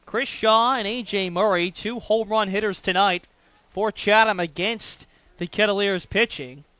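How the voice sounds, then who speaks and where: Crisp, high-pitched male baseball color commentator. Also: measured pace, sharp tone, dry recording. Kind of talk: live sports commentary.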